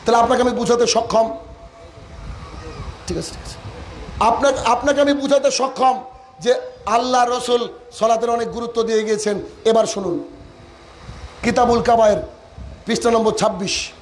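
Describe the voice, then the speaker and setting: A man's voice: extremely high pitch, normal speed, long pauses, a little hiss or hum. A man preaching a sermon, retelling a story with acted-out dialogue, repeating his points with emphasis.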